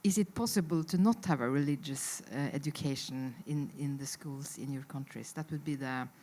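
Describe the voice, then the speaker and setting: A woman's voice: very deep voice, moderate pace, warm tone, a little hiss or hum. A woman moderating a panel discussion, searching for words as she frames the questions.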